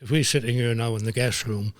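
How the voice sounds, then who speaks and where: A man's voice: medium pitch, fast talker, no room sound. Older man telling stories. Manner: lively raconteur, slips into voices for quotes. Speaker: former football referee, guest. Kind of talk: anecdotal storytelling.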